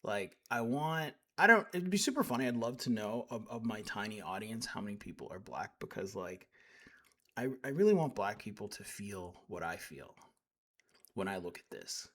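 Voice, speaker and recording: A man's voice: on the low side, animated, normal speed, a bit bright. A man giving live stream commentary as he reacts to clips, indignant and sarcastic, rambling with frequent restarts.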